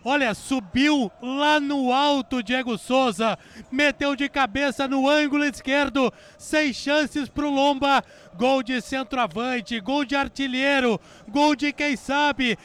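Very high-pitched man, excited football reporter. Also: smooth. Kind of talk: excited live match commentary.

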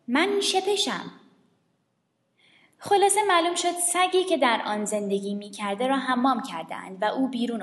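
A woman reading a children's story aloud in an expressive way, changing her voice for each character. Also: fairly high pitch. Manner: lively, shifts her voice for the characters. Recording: reverberant roomy recording with faint music.

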